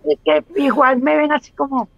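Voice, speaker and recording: A woman's voice: high-pitched, steady tone, moderate pace, gravelly, dry recording, dull audio. A Venezuelan woman in her sixties, a guest speaking on a video call, thoughtful and hesitant with many restarts. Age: 60s. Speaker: guest, actress. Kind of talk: casual interview chat.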